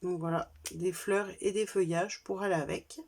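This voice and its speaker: This French-accented woman has a lowish, darkish voice with a steady tone and a moderate pace, and a little hiss or hum sits in the recording. As a craft vlogger, she chats casually through her haul, going over each purchase in turn and correcting herself as she talks.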